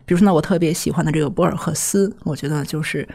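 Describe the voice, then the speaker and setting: A woman professor guesting on a podcast, talking in a measured, thoughtful way and reaching for metaphors. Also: low voice, vocal fry, a little mellow. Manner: measured, thoughtful, full of metaphors and pause words. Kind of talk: casual chat.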